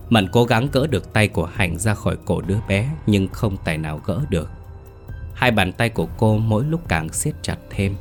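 A man narrating a scripted horror story in a measured, steady storytelling manner. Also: sits low. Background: soft background music.

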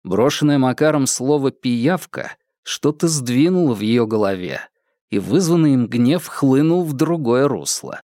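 A man's voice: mid-range voice, animated, normal speed, dark tone, dry recording, studio quality. A man reading a novel aloud as an audiobook narrator. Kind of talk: scripted narration.

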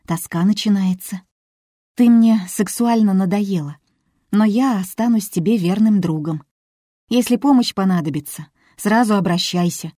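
A woman reading as a smug older man who talks calmly and condescendingly. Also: medium pitch, no echo, clean studio sound, natural voice.

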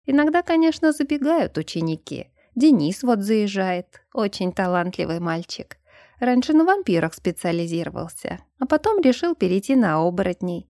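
A woman voicing a kindly, fussy retired old male scholar who talks in a warm, bustling, welcoming way. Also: medium pitch, very animated, normal speed, dry recording, studio quality. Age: older.

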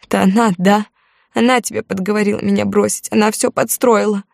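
A woman reading an audiobook, voicing a jealous, hysterical young wife in a raised, shrill voice. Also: steady tone, fairly quick, vocal fry, darkish tone, dry recording, studio quality. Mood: furious.

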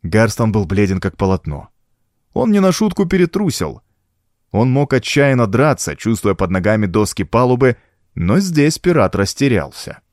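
A man's voice: fairly low pitch, very animated, moderate pace, darkish tone, no echo, studio quality. A man narrating an adventure audiobook with dramatic storytelling.

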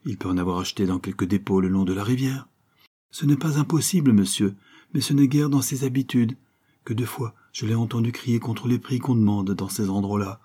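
A man's voice: fairly low pitch, fairly quick, warm tone, slightly rough. A man voicing a fretful boatman's wife. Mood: worried. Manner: fretful, talkative, pleading. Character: stout red-faced boatman's wife, fretful. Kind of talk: audiobook character reading.

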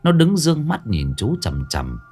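A man narrates a ghost story in a folksy way. His pitch rises and falls in a lively way. He keeps a homely, storytelling tone. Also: normal speed, faint music behind.

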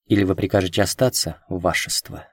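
A man reading the lines of a hurt, proud young woman in an audiobook, in a quiet, subdued voice. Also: low-pitched, fairly even intonation, a little fast, husky, dry recording, studio quality.

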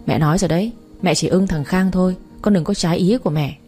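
A woman's voice: lowish voice, fast, a little mellow, soft background music, close to an everyday voice. A woman voicing a bossy middle-aged mother who scolds her daughter, in a read-aloud story. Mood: scolding.

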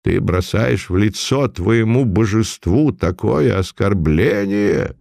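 A man reading a story, voicing an old tribunal chairman who speaks solemnly and slowly. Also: fairly low pitch, expressive, gravelly, darkish tone, no room sound, clean studio sound, full character voice. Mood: stern. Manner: solemn, thundering.

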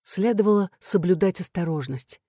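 Low-voiced woman narrating a story. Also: moderate pace, warm tone, dry recording, clean studio sound. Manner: frank, earthy storytelling. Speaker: audiobook narrator. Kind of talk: first-person scripted narration.

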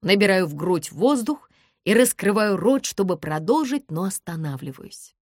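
A woman narrating a first-person audiobook in an expressive storytelling way. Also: medium pitch, normal speed, dry recording, clean studio sound.

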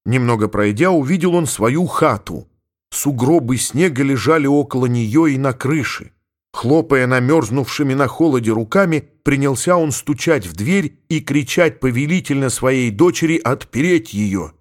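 A man reading a classic tale aloud as an audiobook narrator, with an expressive, lively delivery. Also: medium pitch, moderate pace. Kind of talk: storytelling narration.

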